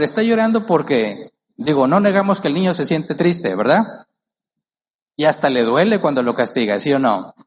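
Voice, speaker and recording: Higher-voiced man preaching emphatically. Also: a little hiss or hum. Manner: emphatic, rhetorical questions to the congregation. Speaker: pastor. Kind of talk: sermon. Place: church.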